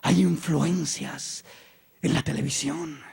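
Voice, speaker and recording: A man preaching a sermon as pastor, impassioned and building to shouts. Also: on the high side, fairly even intonation, takes it slowly, gravelly, slightly rough.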